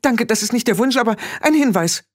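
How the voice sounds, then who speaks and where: A man voicing a frantic young witch girl in an audiobook, pleading and firing off rushed questions. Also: extremely high pitch, animated, pitched above the performer's own voice. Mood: urgent. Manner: breathless pleading rush of questions. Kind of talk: audiobook character voice.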